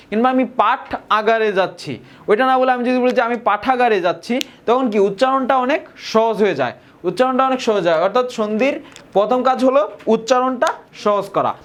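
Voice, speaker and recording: Young man, high voice, patient grammar tutor, repeats key points. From Bangladesh. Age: young adult. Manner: repeats key points, slows down to stress example words. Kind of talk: explanatory grammar lesson.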